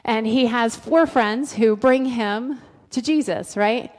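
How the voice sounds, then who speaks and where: Slow-speaking woman pastor in a church hall. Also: a little high. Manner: conversational, asks the congregation questions. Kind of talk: sermon. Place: church sanctuary with a stage. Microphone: handheld mic, filmed from the back of the room. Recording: long reverb of a church hall.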